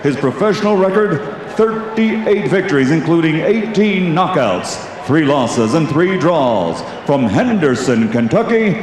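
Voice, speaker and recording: A man announcing fighters in the ring as a grand, dramatic showman, stretching out and shouting names in theatrical style. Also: sing-song, a little slow. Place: large boxing arena. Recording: booming echoey arena PA, noisy.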